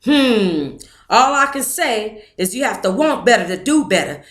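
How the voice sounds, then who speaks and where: Reading a memoir aloud in the first person, a woman hosting a book club speaks in a fairly high, unhurried voice with lively intonation. She occasionally pauses for asides, thanking listeners and sharing comments.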